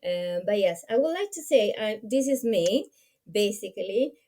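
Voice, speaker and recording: A woman's voice: medium pitch, animated, moderate pace, mellow. A woman in her forties from Italy with an Italian accent, presenting a webinar as co-host and using non-native phrasing and fillers. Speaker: co-host, nurse career coach.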